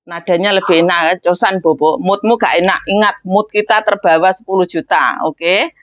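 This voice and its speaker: A woman's voice: on the low side, steady tone, moderate pace, a bit bright, a little hiss or hum. A woman who trains migrant domestic workers, speaking in a casual instructional way and slipping in English and Cantonese phrases. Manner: mixes in English and Cantonese phrases, playfully imitating speech.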